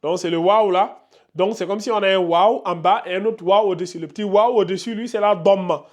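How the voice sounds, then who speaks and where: A fairly high-voiced man whose first language is Pulaar teaches a whiteboard lesson on the Arabic alphabet. He draws each syllable out and says it several times over. Between drills he talks to his learners in a chatty, direct way. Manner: repeats syllables slowly, drawn out.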